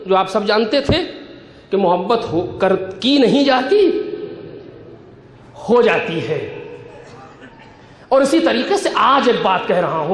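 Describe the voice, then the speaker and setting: Male cleric, fiery sermon, very high and lively pitch, shouted peaks, echoey hall. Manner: preaching with rising shouted peaks and quotes in Arabic. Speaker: Shia cleric giving a majlis sermon. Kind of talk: impassioned religious sermon.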